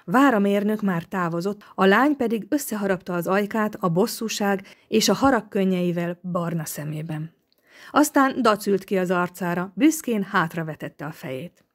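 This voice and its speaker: A woman narrating a detective novel audiobook in a steady, measured reading. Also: mid-range voice. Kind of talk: scripted narration.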